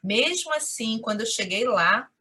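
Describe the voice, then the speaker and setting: Bright-voiced Carioca woman, chatty storyteller. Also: fairly high pitch, normal speed, husky. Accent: Rio de Janeiro Portuguese. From Brazil. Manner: animated storytelling, frequent "né?". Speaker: interview guest. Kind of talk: conversational interview.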